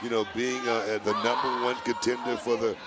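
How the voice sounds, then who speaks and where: A man's voice: mid-range voice, flat delivery, a little fast. A man giving colloquial, folksy color commentary on wrestling at ringside, repeating phrases for emphasis. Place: ringside in an arena. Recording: noisy arena with loud crowd.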